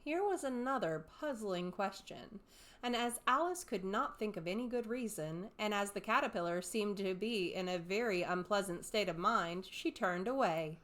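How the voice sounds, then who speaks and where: A woman's voice: medium pitch, expressive, moderate pace, a bit bright. A woman reading scripted storybook narration as an audiobook narrator.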